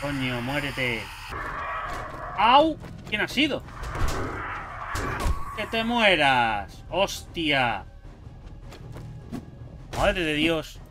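A young man giving jokey, excitable commentary while playing a survival game, yelping at sudden scares. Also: on the high side, drawn-out words, pauses often, over music. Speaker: gaming YouTuber. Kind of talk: gameplay commentary.

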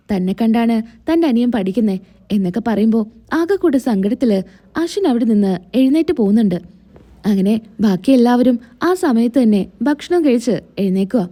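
A woman retelling a TV serial episode in steady storytelling, voicing every character herself. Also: on the high side. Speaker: serial recap narrator.

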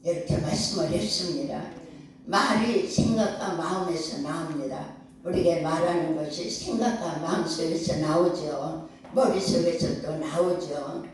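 An older woman pastor delivers a sermon with a rising, emphatic cadence, pausing for her congregation's amens. Her voice rings through a very reverberant sanctuary. She sounds set back from the microphone. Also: deep voice, darkish tone, slight background noise. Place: church sanctuary. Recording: echoey church hall, far from mic.

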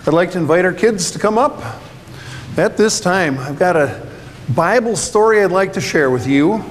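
A man's voice: high voice, animated, moderate pace. A man pastor giving a children's sermon, playful and full of questions for the kids. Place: church sanctuary. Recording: echoey church hall, faint hum.

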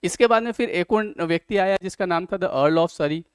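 A man teaching an exam-prep lecture, explaining step by step, asking questions and answering them himself, and reading English passages slowly. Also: high-pitched, clean tone, dry recording, studio quality.

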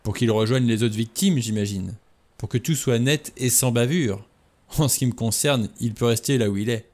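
A man's voice: medium pitch, moderate pace, a little mellow, close to an everyday voice. A man reading a novel aloud, voicing a menacing, mocking adventurer in a raised, snarling voice. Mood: sneering.

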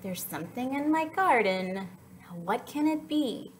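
A young adult woman with a slightly high voice reads and chats at a measured pace for a group of young children. She's lively and sing-song, drawing them in with questions, over a touch of hiss or hum.

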